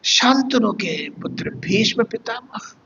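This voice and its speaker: A man's voice: sits high, animated, slow pace, pushed and bright, lo-fi sound, a little hiss or hum. A man, a monk, giving a devotional scripture discourse, telling stories and chanting verses as he explains them. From India. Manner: storytelling with acted quotes and chanted verses.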